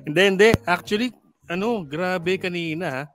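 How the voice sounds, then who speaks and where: Chatty middle-aged man, slightly high voice. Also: normal speed, a bit bright, slight background noise. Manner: joking, rambling Taglish with many fillers. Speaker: radio DJ guest. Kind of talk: casual studio chat.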